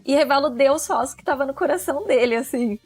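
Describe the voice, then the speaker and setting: A woman's voice: high-pitched, fast talker, darkish tone. A woman in her thirties, chatting casually as a podcast guest, laughing often and filling her talk with fillers. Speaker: podcast guest, book club member. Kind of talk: casual chat about a book.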